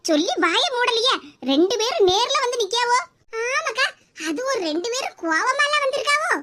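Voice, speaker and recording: A woman's voice: very high-pitched, expressive, moderate pace, background noise. A woman voicing a chatty, caring village neighbor woman. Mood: worried. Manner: chatty, concerned.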